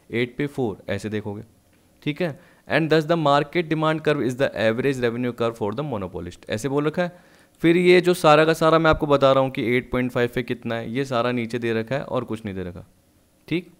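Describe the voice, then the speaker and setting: A man teaching an economics lesson, explaining step by step and slowly reading out textbook lines in English. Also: medium pitch, smooth. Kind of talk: recorded online lesson.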